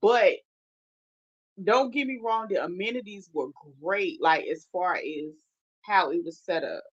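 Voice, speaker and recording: A woman telling a story in casual, animated chat, emphatic and swearing freely. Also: lowish voice, a little slow, slightly rough. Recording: dull lo-fi sound.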